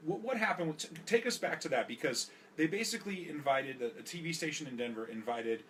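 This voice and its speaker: Halting male interviewer with background noise. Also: fairly high pitch, expressive, fairly bright tone. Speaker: radio interviewer, host. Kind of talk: radio interview questioning.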